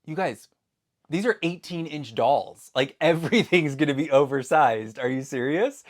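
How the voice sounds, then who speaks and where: A man chatting casually to his viewers in a vlog, excitable and full of asides, recorded on a phone at home. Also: on the high side, normal speed. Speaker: doll collector vlogger. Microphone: phone camera.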